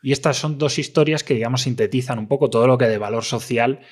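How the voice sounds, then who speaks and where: A man hosting a film podcast, speaking in a measured way with hesitations. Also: mid-range voice. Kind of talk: casual film discussion.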